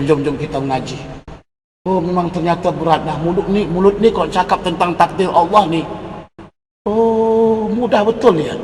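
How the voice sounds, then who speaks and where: A man giving an animated religious lecture, asking his audience rhetorical questions. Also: high voice. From Indonesia. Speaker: religious teacher. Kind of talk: lecture on creed. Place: lecture hall. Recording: reverberant hall with faint noise.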